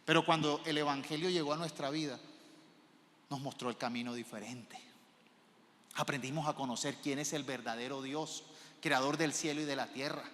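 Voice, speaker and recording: A male pastor preaching a sermon in a church, asking the congregation questions and swinging between soft and loud. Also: on the high side, steady tone, normal speed. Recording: reverb of a large church hall.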